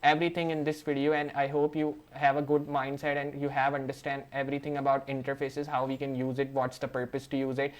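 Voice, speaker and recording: A man's voice: medium pitch, completely flat delivery, fast talker, few pauses. Brief: male tutor, screen-recorded coding walkthrough, explains each step as he goes, heavy on verbal fillers. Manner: walks through steps while working; leans on fillers like "you can say". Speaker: programming tutor.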